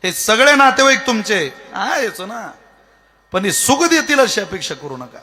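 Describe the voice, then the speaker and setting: A man preaching a devotional kirtan sermon in a lively, humorous manner, talking straight to the crowd. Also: high-pitched, moderate pace. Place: festival pavilion. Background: faint tabla and instruments.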